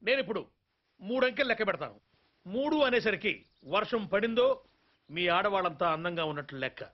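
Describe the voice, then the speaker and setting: A fast, teasing joker. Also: male voice, high-pitched, expressive. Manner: playful, mock-serious, quick talker. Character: joking middle-aged man teasing a crowd of women. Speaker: film character. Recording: dull lo-fi film soundtrack, faint music.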